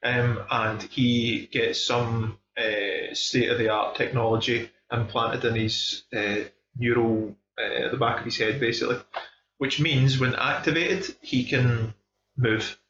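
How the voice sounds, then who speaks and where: A man with a Scottish accent hosts a film discussion podcast, reviewing movies in a casual, enthusiastic chat full of emphasis. His mid-range voice is steady and fairly bright, and he speaks slowly. The recording sounds dull and echoey, as if made in a room.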